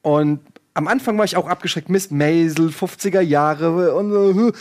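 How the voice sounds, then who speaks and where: A man's voice: on the high side, normal speed. A young man in casual podcast chat, retelling a series with laughs and acted-out quotes. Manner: animated storyteller, laughing, acts out quotes. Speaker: podcast host recommending a series.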